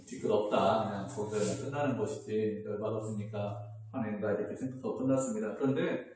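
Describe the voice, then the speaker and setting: A man's voice: fairly low pitch, a little mellow. A middle-aged man preaching a sermon as pastor, asking the congregation questions and answering them himself. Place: church sanctuary. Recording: echoey hall, voice from far off.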